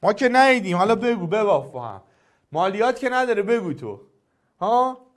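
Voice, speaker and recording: A lively male teacher with a high voice that leaps up and down as he quizzes his class. He coaxes answers out of his students during a grammar lesson.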